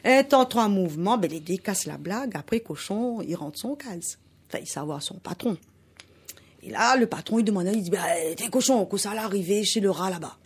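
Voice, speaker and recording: A woman's voice: mid-range voice, expressive, fairly quick, breathy edge. A woman from Réunion with a Réunion Creole French accent, telling a folk tale on the radio with sound effects and laughter. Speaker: storyteller guest.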